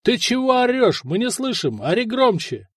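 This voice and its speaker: A man yelling as greedy rowdy soldiers. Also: high voice, normal speed, slightly rough, no room sound, clean studio sound, voice pushed up, heavily acted. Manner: yelling, excitable.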